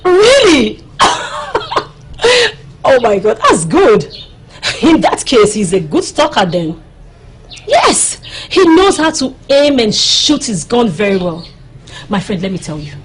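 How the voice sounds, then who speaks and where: A playful young village woman. Her husky, higher voice rises and falls freely as she teases and presses her friend. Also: huge pitch swings, slow, exaggerated voice. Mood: teasing. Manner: playful, teasing and insistent.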